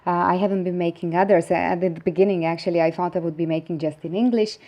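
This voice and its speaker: Earnest Croatian woman, mellow low voice. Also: fairly even intonation, quick pace. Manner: earnest, rambling, many fillers and restarts. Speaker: vlogger. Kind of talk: casual monologue to camera.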